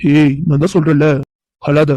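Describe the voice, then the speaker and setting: A man's voice: a little high, fairly even intonation, moderate pace, mellow, no room sound, close to an everyday voice, poor audio. A man voicing a brash young man who teases and argues but has a kind side. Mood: soothing. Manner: brash and teasing.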